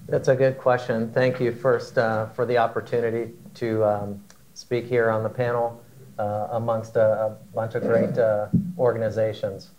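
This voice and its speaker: A man in his forties answering as a panelist in a conference hall, measured and hesitant, with many fillers and repeated words. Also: on the low side, little pitch movement, darkish tone, a little hiss or hum. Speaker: panelist, aviation operator.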